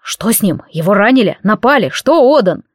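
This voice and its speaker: A woman voicing an anxious noble mother who talks quickly and with worry. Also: medium pitch, very animated, no room sound, clean studio sound. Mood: worried. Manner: quick, worried.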